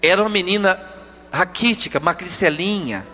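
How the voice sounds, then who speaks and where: A male preacher telling a story in a sermon, slow and dramatic, rising to fervent appeals. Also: sits high, sharp tone. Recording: long reverb, faint music behind.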